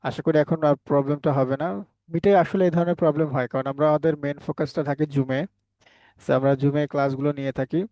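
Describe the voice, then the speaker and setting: Male teacher on a headset, slightly high, warm and dry, quizzing the class over and over. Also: flat delivery, fast talker, no room sound. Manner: drills the class with repeated call-and-response questions. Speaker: English teacher. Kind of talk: online class teaching pronunciation.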